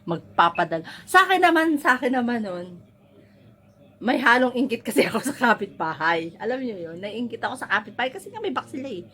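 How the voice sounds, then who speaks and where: A woman's voice: a little high, big pitch swings, a little fast, fairly bright tone, slight background noise. A woman from the Philippines, vlogging casually at home, telling a story in a rambling, chatty way and laughing often.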